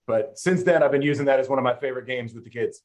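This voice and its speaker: Talking fast in a medium-pitched, slightly mellow voice, a middle-aged podcast host keeps things casual. The interview chat wanders into playful stories as he rambles along.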